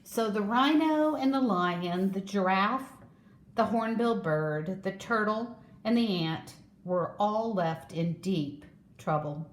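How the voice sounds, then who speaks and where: A woman storyteller reads a children's story aloud, slow and expressive. Her voice sits in the middle and carries an echo from a roomy space. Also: medium pitch. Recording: echoey room.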